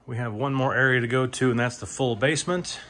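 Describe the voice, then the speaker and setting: Moving from room to room inside a large house, a man gives an informal auctioneer's tour of the items for sale, speaking haltingly and repeating himself to stress points. His voice is medium-pitched and a bit bright, with a little hiss or hum. The recording comes from a handheld phone or camera he carries himself.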